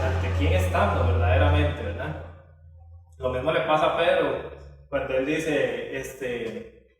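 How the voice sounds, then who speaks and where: A man teaching a Bible study lesson in a conversational way, with many filler tags and restarts. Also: medium pitch. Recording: echoey hall from far off.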